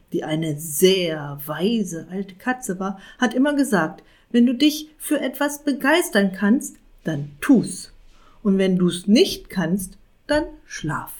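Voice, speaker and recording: A woman's voice: mid-range voice, darkish tone. A woman voicing an earnest young tomcat, a dreamy and eager minstrel, in a storybook reading. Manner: eager and hopeful.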